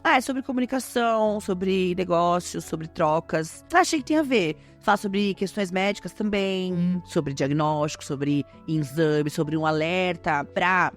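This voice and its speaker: A woman with a Brazilian Portuguese accent hosting a podcast, talking casually and lively to her listeners. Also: on the low side, unhurried, hardly any pauses, soft background music. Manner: chatty, lively, addresses listeners as gente. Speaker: podcast host.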